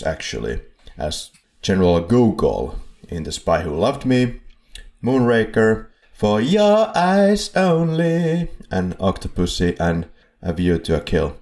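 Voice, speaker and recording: A man with a very low, deep voice co-hosts a casual movie podcast. He rambles through notes and chuckles when he trips over a name. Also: normal speed, a little mellow. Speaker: podcast co-host. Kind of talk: casual film podcast chat. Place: home setup in Poland.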